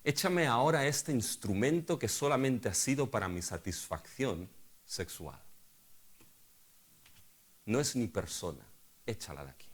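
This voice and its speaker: Animated preacher man. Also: mid-range voice, unhurried, long pauses. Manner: dramatic preaching with big swings from hushed to loud. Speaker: pastor. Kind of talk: sermon.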